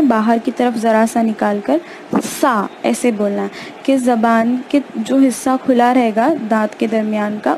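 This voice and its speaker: Woman, fairly high voice, patient teacher, slow measured delivery, faint background hiss. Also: dark tone, low-quality recording. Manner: patient, step-by-step explanation with repetitions. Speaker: Arabic pronunciation teacher. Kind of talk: recited prayer and slow letter drill; explanatory lesson.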